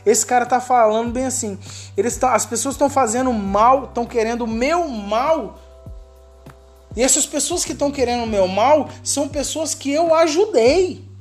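A woman's voice: fairly high pitch, soft background music. Emphatic woman preacher. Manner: emphatic, slowing to soft, hushed stretches. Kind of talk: sermon.

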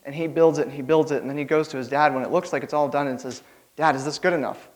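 A man's voice: on the high side, fairly even intonation, rapid-fire, a little mellow, rough recording. Nervous rambling man preaching. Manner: nervous, rambling, with fillers and laughs. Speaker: church soundboard volunteer giving a sermon. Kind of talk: informal church sermon and storytelling.

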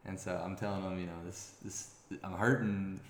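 A young man with a somewhat low voice tells a sports story in casual interview talk. He rambles and restarts often. The room around him rings with echo. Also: moderate pace. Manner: rambling, many restarts, grows excited. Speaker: former college quarterback guest. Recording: echoey room.

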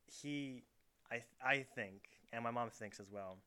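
With a clear, resonant, bright voice of medium pitch, a young podcast host speaks a little slowly but forcefully. He's chatting casually from his bedroom, captured by a camera in the room, rambling through stories full of fillers.

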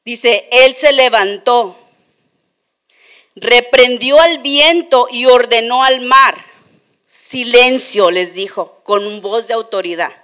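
A woman pastor from Tijuana, preaching a sermon in an animated storytelling way. She asks the congregation questions and acts out the voices in the story. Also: on the high side, slow. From Tijuana, Mexico. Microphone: stage microphone.

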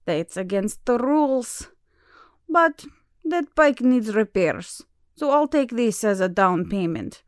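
Shapeshifter pack leader, audio drama, actress, clean smooth voice, unhurried, confident, teasing, close dry sound. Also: female voice, fairly high pitch, animated, no room sound. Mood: cool, teasing. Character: cool, shrewd female shapeshifter pack leader.

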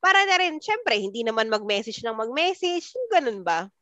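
A woman's voice: a little high, very animated, moderate pace, pushed and bright, dull audio. A woman, co-hosting a podcast and telling a personal story in a casual chat with friends. She is dramatic and acts out the messages she quotes. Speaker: podcast co-host.

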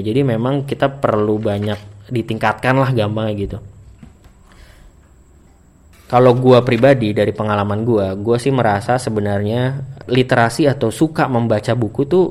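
A young man from Indonesia, talking to camera in a relaxed, chatty monologue full of fillers and restarts. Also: lowish voice. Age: young adult. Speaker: vlogger. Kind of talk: casual monologue.

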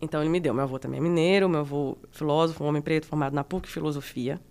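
A woman from Minas Gerais with a Minas Gerais accent, a guest artist telling stories in a reflective, casual interview with many pauses. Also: sits low, fairly even intonation, darkish tone. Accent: Minas Gerais Brazilian Portuguese. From Minas Gerais, Brazil.

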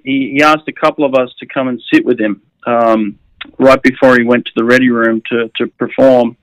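Australian man telling lively stories. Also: mid-range voice, no echo, poor audio. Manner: animated anecdotes with frequent restarts and "uh"s. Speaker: swimming coach and former swimmer. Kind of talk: casual storytelling.

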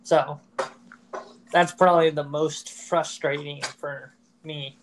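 A man hosting a podcast, speaking frankly and casually in halting phrases. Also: fairly high pitch, steady tone, background noise. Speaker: podcast host. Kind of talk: candid personal talk.

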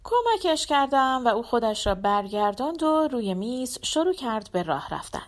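A woman reads a first-person short story aloud with a reflective, expressive touch. Her voice sits a bit high and moves through lively rises and falls of pitch as she narrates. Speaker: audiobook narrator.

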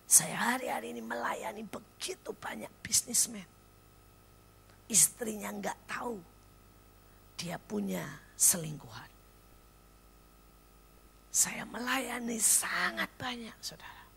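A woman evangelist with an Indonesian accent preaching a blunt church sermon, dropping to hushed near-whispers and then rising to loud exclaims. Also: fairly high pitch, expressive, slow, vocal fry, long pauses, a little hiss or hum. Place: church service.

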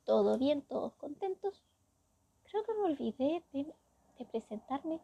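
A chatty Chilean woman retells a story with wry, indignant asides. Her voice is high and mellow, and it sounds dry and close to the mic with a slightly dull, lo-fi quality. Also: very animated, a little slow, gravelly. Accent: Chilean Spanish. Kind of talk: casual story recap.

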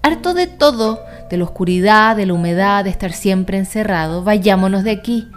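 A woman's voice: mid-range voice, very animated, measured pace, faint music behind. A woman voicing a restless, fed-up father bat in a storybook reading, talking in an exasperated, insistent way.

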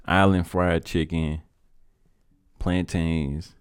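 An American man with a fairly low voice talks casually and profanely, like a frat bro hyping things up to a friend. His slangy banter is animated, and the sound is dry with little room on it. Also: very slow, clear, resonant tone, no room sound. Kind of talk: casual chat.

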